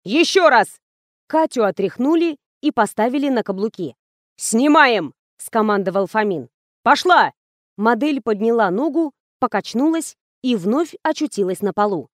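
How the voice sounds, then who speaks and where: Woman reading a funny audiobook in first person, kinda high voice, super dry close sound. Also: expressive, normal speed, few pauses, darkish tone, no room sound. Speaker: audiobook narrator.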